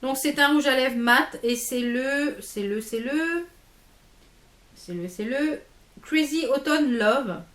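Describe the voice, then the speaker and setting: Woman vlogger, chatty and halting, fairly high voice, recorded in an echoey room. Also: lively intonation, fairly bright tone. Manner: chatty, many fillers and restarts. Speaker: beauty vlogger. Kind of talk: casual haul video chat.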